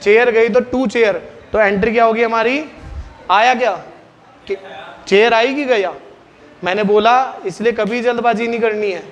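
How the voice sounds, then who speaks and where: A man teaching a classroom lesson, drilling his students with quick questions and getting them to answer out loud. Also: very high-pitched, fairly even intonation, highs cut off.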